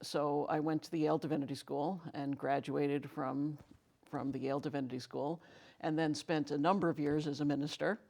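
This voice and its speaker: A woman, answering interview questions about her life in a measured, matter-of-fact way. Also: sits low, steady tone, vocal fry, warm tone. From United States (Connecticut). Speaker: guest, nonprofit director.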